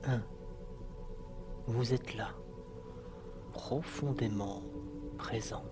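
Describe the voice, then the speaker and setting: A man guiding a hypnosis session in a soft, sultry, soothing, hushed voice with long pauses. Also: medium pitch. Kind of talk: slow guided hypnosis narration. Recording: music behind the voice. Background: clear background music.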